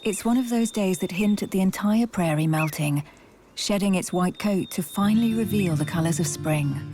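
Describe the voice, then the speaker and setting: A woman's voice: mid-range voice, moderate pace, over music. A woman reading scripted narration for a wildlife documentary.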